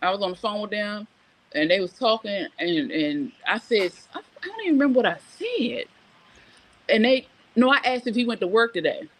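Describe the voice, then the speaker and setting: This animated, mid-pitched female voice moves a little quickly and comes through on a low-quality recording. The middle-aged host of a casual live morning show chats, goes through viewer comments, and tells personal stories while dispensing frank, emphatic advice.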